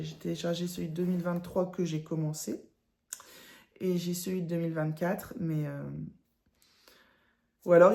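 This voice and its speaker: A woman's voice: lowish voice, creaky, mellow. Chatty woman with a northern French accent. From northern France. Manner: chatty, self-mocking, laughs often. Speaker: embroidery vlogger. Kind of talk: casual chat.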